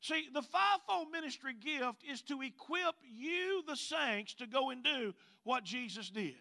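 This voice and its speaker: His sermon features long, emphatic readings of scripture and calls for the congregation to respond, all delivered in a Mississippi Southern drawl. The man's voice is very high-pitched and expressive, with vocal fry and a sharp tone.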